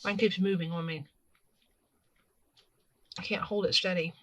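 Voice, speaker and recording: A woman's voice: on the low side, fairly even intonation, unhurried, background noise. A woman hosting a casual hands-on craft tutorial, chatting as she works and often correcting herself mid-sentence. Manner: chatty, talks while working, self-correcting. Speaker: craft video host.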